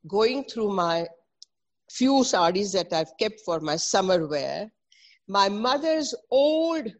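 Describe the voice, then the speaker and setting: A woman's voice: medium pitch, big pitch swings, slow pace. A middle-aged woman with a North Indian accent gives an informal explanatory talk, mixing English with Hindi and Sanskrit and repeating terms as she teaches. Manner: didactic, spells out and repeats terms. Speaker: presenter explaining traditional Indian textiles.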